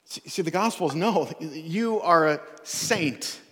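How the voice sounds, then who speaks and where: A man with a high voice preaches a sermon in a long, echoing hall. He talks earnestly and casually, stumbling over repeated words and restarting phrases as he presses his point. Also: lively intonation, a little slow, fairly bright tone. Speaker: pastor.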